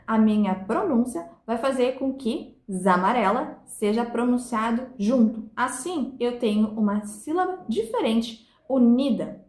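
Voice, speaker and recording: A Brazilian woman with a rather high voice teaches a recorded literature review lesson. She slows right down to read verses and split them syllable by syllable, keeping a patient, didactic manner. The sound is echoey, as if recorded in a reverberant room. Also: a little mellow. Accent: Brazilian Portuguese.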